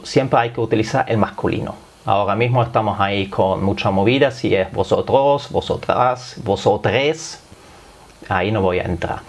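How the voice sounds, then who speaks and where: German man patiently explaining grammar. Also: mid-range voice. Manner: patient, step-by-step explaining with frequent "es decir". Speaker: language teacher. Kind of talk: explanatory lesson.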